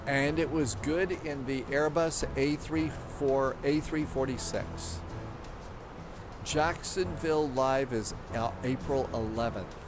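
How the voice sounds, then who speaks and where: Hosting a flight-sim livestream, this man goes through viewer comments and muses out loud in an easy, rambling way. He speaks at medium pitch and takes his time, over clear music in the background.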